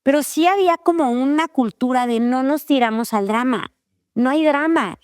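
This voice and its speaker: A woman's voice: high-pitched, normal speed, a little mellow, no echo, clean studio sound. Woman co-host telling family stories. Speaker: podcast co-host. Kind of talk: casual faith-based parenting chat.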